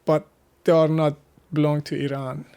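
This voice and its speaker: A man from Afghanistan, a guest in a casual interview, speaking halting second-language English with restarts and soft laughs. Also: fairly high pitch, flat delivery, clear, resonant tone.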